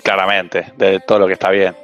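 A man's voice: low-pitched, completely flat delivery, fairly quick, gravelly, a bit bright, muffled recording, soft background music. A man with an Argentine accent on a casual panel, joking as he recommends a nature documentary. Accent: Argentine Spanish. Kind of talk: casual group chat.

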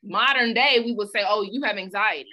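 A woman's voice: mid-range voice, a little fast, sharp tone. A woman in casual conversation, telling stories with animation and acting out her own past thoughts. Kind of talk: casual chat.

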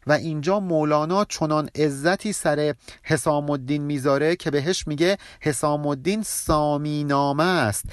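A man teaching classical poetry in a podcast lesson. He recites verses slowly and explains them in plain, conversational speech. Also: on the high side.

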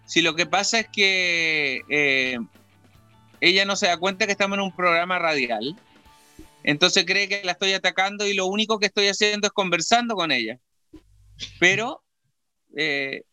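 A man's voice: sits high, pushed and bright, clean tone, no echo. A man hosting a casual radio chat in a studio, talkative and teasing, lecturing at length. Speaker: radio host.

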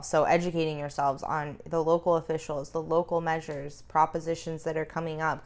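Female co-host, slightly low voice, informal and emphatic, repeats points for weight. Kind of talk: casual advocacy talk.

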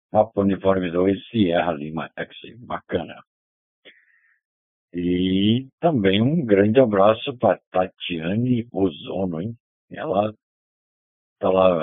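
A man's voice: fairly low pitch, dry recording. A Brazilian man hosting an amateur radio net, heard over digital voice radio, giving courteous, formal operator talk with phonetic call signs. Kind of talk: roll call and sign-off over ham radio. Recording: phone-like narrowband radio transmission.

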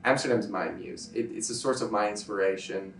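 Speaking a little fast with a fairly low but slightly bright voice, this Dutch YouTuber guest from the Netherlands, whose first language is Dutch, answers interview questions emphatically. He keeps repeating his points and asking "right?" to check agreement. He sits far from the mic, giving a roomy sound with a little hiss or hum.

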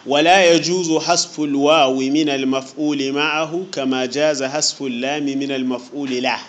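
A man's voice: medium pitch, steady tone, moderate pace. A man teaching an Arabic grammar lesson to students in a classroom, explaining patiently with worked examples, repeating key points and checking that they understand. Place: teaching room with students present.

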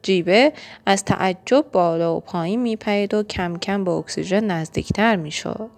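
A woman narrating a children's storybook in a gentle, expressive reading. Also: mid-range voice.

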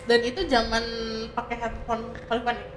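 A woman's voice: fairly high pitch, completely flat delivery, normal speed, faint music behind. A woman host in casual chat, nudging the story along with short follow-up questions.

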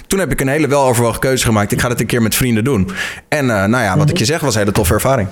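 A man hosting a casual panel discussion, thoughtful and full of restarts. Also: medium pitch. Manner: rapid, thoughtful, many restarts. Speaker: host.

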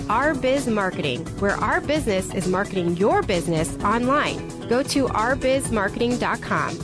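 Higher-voiced woman reading a radio commercial. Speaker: commercial announcer. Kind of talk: scripted ad narration.

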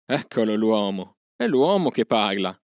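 A man voicing a wise old panther who speaks in measured, mocking asides in a storybook reading. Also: lowish voice, very animated, a little mellow, dry recording, studio quality. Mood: sardonic.

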